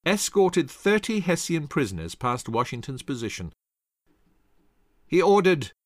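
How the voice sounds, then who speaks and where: A man's voice: medium pitch, fairly bright tone, no echo, studio quality. A man narrating a scripted history story dramatically, acting out the voices of the people in it. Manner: dramatic, acts out quoted voices.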